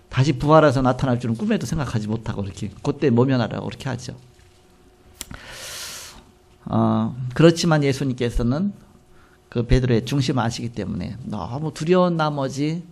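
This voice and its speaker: A man preaching a sermon, retelling scripture with animated storytelling and acted-out dialogue. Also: mid-range voice, vocal fry. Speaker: pastor.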